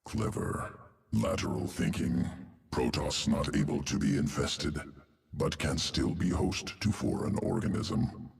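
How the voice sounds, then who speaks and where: It's video game character acting: a man in full character voice as a cold, clinical alien insectoid geneticist, rumbling low, gravelly and expressive. He speaks in a deliberate guttural growl of clipped, telegraphic phrases with no articles, picked up by a distant mic.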